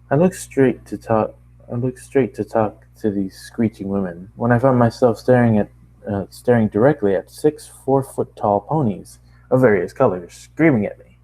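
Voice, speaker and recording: A man's voice: on the low side, mellow, low-quality recording. A man casually reading a first-person story aloud, often stopping for asides and restarting lines. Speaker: narrator reading a fan story.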